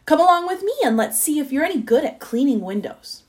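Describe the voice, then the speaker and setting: Woman acting out a fussy old Duke, pitched high. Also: sing-song, fairly quick. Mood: brisk, questioning. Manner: firm, commanding, exclamatory. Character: fussy, blustering old male Duke with a stick.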